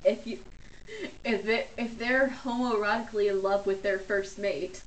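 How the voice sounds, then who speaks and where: A woman's voice: mid-range voice, steady tone, moderate pace. A woman co-hosting a casual comedic chat, joking and giggly with playful wordplay. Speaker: podcast co-host. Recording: roomy, distant mic, faint noise.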